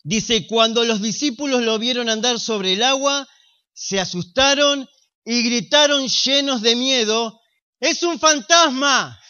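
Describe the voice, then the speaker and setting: A man with a Rioplatense accent preaches a sermon in a strikingly high, bright voice. He speaks very slowly and emphatically, leaving long dramatic pauses. The recording sounds slightly dull and lo-fi. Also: clean tone. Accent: Rioplatense Spanish. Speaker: pastor.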